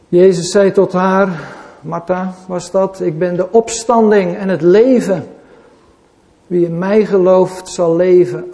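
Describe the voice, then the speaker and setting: A man preaching a sermon to a congregation, swinging between loud declarations and quiet asides, returning again and again to a repeated rhetorical question. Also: sits high. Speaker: pastor.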